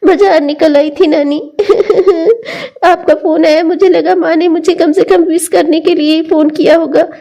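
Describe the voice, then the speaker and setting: A woman's voice: very high-pitched, steady tone, a little slow, creaky, mellow, heavily acted. A woman voicing a young married cartoon woman who complains that her mother never invites her. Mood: plaintive. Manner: plaintive, with bitter little laughs. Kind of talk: cartoon dialogue acting.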